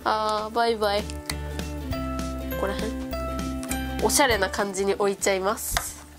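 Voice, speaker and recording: A young woman with a stuffy nose from a cold, chatting excitedly as she plays with slime at a table. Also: medium pitch, normal speed. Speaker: slime vlogger. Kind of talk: casual chat. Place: indoors at a table. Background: background music.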